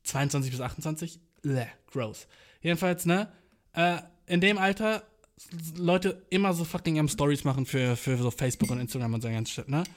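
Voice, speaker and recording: A man's voice: a little high, animated, moderate pace. A man in his twenties talking in a casual, rambling storytelling monologue, full of slang, swearing and filler words. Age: 20s. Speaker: podcast host.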